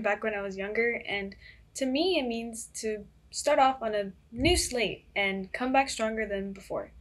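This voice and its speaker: A teenage girl who is a guest on a student podcast, eager and a little rehearsed. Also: a little high. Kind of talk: podcast interview.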